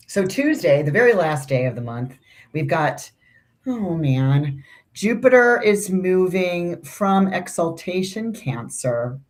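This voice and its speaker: This is a woman with a notably low, deep voice co-hosting an astrology conversation. She talks loosely and chattily, circling back on her points and tossing in asides. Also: sing-song, slow, darkish tone. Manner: chatty, rambling, with restarts and asides. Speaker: astrology podcast co-host. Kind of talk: casual conversational astrology discussion.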